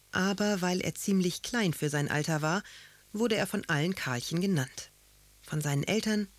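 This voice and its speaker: A woman, a children's author, reading her own story aloud to children. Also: low voice.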